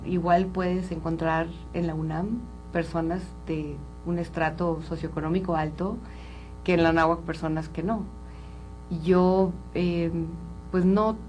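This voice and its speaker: A woman's voice: fairly low pitch, a little mellow, poor audio. A woman from Colombia, a psychologist speaking earnestly and openly as an interview guest. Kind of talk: candid interview talk.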